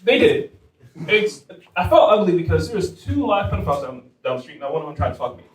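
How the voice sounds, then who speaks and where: This young comedian has a fairly high, sing-song voice and talks fast, keeping his stand-up routine loose and conversational with plenty of asides. He's on a live club stage before an audience, recorded from a distance in a roomy space where the crowd can be heard laughing.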